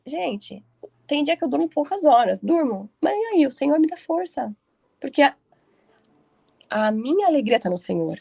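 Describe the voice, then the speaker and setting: A woman's voice: sits high, big pitch swings, moderate pace, gravelly, warm tone, no echo, studio quality. A woman leading a casual group Bible study, telling stories in a chatty way with frequent tag questions. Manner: chatty storytelling with frequent "né" tags.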